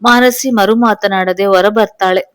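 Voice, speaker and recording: A woman storyteller reads a family drama in a steady, plain way. Her pitch is middle and her voice is dry and close. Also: measured pace, clear, resonant tone, no echo. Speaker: story narrator. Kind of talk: storybook narration.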